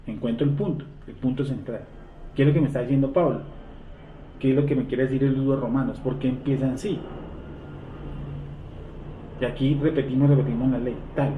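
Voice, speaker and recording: Here a medium-pitched male teacher works through a Bible lesson, questioning his class rhetorically and supplying the answers. Captured on a distant mic in an echoey room, the audio is tinny and carries a little hiss or hum.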